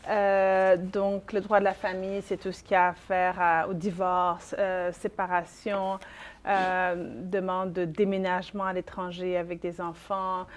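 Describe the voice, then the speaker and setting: A woman in her forties with a Quebec French accent, a lawyer speaking as a guest in an interview, measured and with frequent hesitations. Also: lowish voice, flat delivery. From Haiti. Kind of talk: conversational interview.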